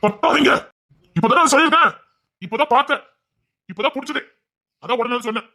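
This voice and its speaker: A young actor playing a stubborn, proud village son in a family drama, pleading with his parents in an earnest, insistent tone. His voice is husky and a touch high, and the words tumble out fast.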